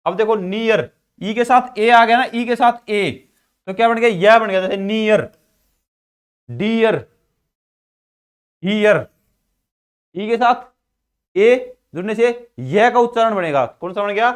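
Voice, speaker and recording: A male teacher, lecturing a class and answering his own questions, with a steady "ठीक है भाई". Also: high voice, takes it slowly, pauses often, clear, resonant tone. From Haryana, India. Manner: repeats questions and answers them himself, frequent "ठीक है भाई". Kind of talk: classroom lecture explaining English pronunciation.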